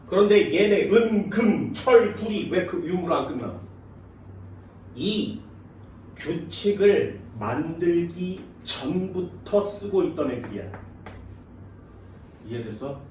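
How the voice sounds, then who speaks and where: A man's voice: high voice, animated, takes it slowly, long pauses. A man teaching science to a class, often checking whether students follow. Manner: questioning students often, casual banmal mixed with polite speech. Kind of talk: classroom lecture. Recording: echoey classroom from far off, faint noise.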